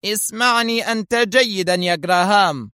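A man's voice: high voice, normal speed, sharp tone, clean tone, no echo, studio quality, voice pushed up. A man voicing a cold, stern male intelligence officer who speaks in an icy, commanding, menacing way.

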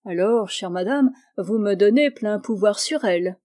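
A woman reading an audiobook, voicing a composed, courteous nobleman who speaks in measured sentences. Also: medium pitch, dark tone, natural voice. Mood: calm. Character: calm, courteous nobleman suitor.

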